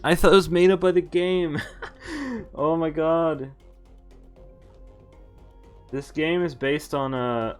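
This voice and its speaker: This streamer's voice sits in the mid range as he riffs casually over a game, voicing its dialogue and musing out loud in informal language full of swearing.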